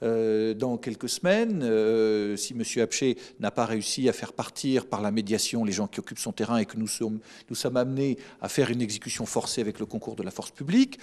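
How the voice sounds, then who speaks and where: A man speaking as a government official, giving measured, procedural explanations in a live panel debate. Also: on the low side, darkish tone. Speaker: state official from the prefecture. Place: broadcast studio set.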